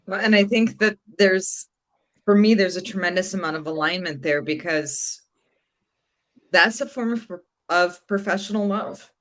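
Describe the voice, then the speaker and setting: A woman hosts a podcast conversation, reflective and frank. She asks curious questions in an easy, mid-pitched voice. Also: measured pace. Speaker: podcast host. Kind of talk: casual interview chat.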